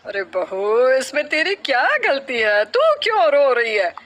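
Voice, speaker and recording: Lady playing a sweet motherly saas in a cartoon, soothing, bouncy high voice. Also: very animated, unhurried, very noisy. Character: kind, gentle older mother-in-law. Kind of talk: cartoon voice acting.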